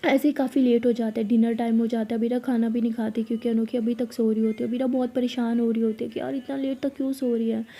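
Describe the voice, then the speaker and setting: A woman's voice: a little high, level tone, quick pace, hardly any pauses, warm tone, soft background music. A woman narrating a love story in a chatty, casual way, with conversational asides.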